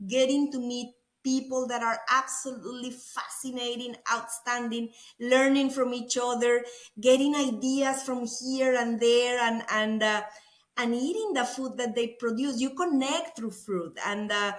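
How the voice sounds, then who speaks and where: Her slightly high voice keeps a steady tone and a measured pace as she chats in a conversational interview. She is a middle-aged guest from Costa Rica, a food innovation executive with a Costa Rican Spanish accent, speaking enthusiastically and effusively and often repeating words. The recording is reverberant.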